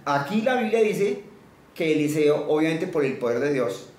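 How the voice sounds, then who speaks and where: A man preaches, his fairly high voice carrying through a roomy, echoing space from some distance off. He reads scripture aloud, then explains it plainly, asking his listeners questions and having them repeat lines back. Faint background noise sits under his voice. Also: sing-song, normal speed, a little mellow. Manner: quizzes listeners and leads call-and-response repetition. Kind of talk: interactive sermon teaching.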